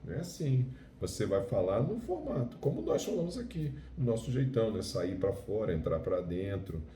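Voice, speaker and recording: A man with a Brazilian Portuguese accent teaching Spanish in a video lesson, explaining slowly and checking in with "ok?". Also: on the low side, sing-song, mellow, roomy sound, distant mic, slight background noise.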